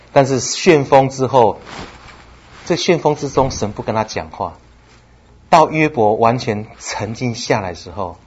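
Male pastor, sermon delivery, very expressive rise and fall, laughs a lot. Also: on the low side. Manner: lively storytelling, acts out dialogue, laughs often. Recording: slightly dull with faint background noise.

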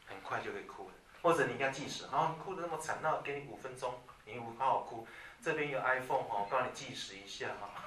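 Bright-voiced male preacher in an echoey room. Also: medium pitch, far from the mic, a little hiss or hum. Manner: animated, swings between soft asides and loud emphatic lines. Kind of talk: sermon.

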